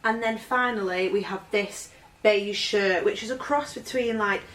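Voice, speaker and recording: A little slow and a bit bright, this medium-pitched woman chats through her vintage haul at home, rambling and dropping "like" everywhere. It's a casual vlog from a fashion vlogger, with her voice off-mic in a roomy, echoing room.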